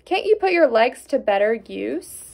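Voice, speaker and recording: A woman reading a storybook aloud, voicing a haughty, sneering male hare in a loud, proud tone. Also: fairly high pitch, very animated, unhurried, vocal fry, full character voice. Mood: scornful. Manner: scornful and proud.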